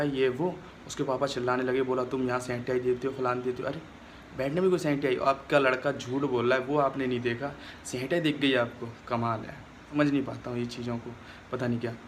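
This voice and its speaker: A man's voice: mid-range voice, slight background noise. A young man talking straight to his phone camera in a casual vlog, aggrieved and complaining as he retells a quarrel. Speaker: vlogger.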